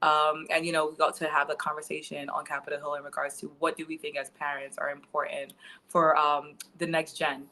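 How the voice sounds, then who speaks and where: A woman's voice: low voice, little pitch movement, brisk, sharp tone. A woman in her thirties, a financial educator, chatting as a guest in an interview and telling stories with many fillers. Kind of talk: casual interview storytelling.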